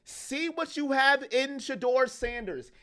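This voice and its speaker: A man's voice: very high voice, expressive, a bit bright. A man hosting a fan livestream, ranting heatedly about his team and reading chat messages aloud. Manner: heated, ranting, fast-shifting intensity. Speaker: fan channel host.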